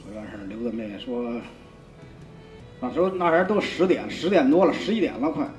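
Lively-voiced man in his fifties. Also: mid-range voice, moderate pace. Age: 50s. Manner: rambling, colloquial, repeats himself, frequent restarts. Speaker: church member giving testimony. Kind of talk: spoken personal testimony. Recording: roomy, dull sound with faint music.

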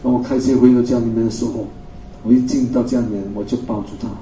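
A man giving an animated personal faith testimony, his voice leaping up as he retells his story. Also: mid-range voice, fast talker. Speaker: testimony speaker. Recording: echoey room, mic far off, faint hiss.

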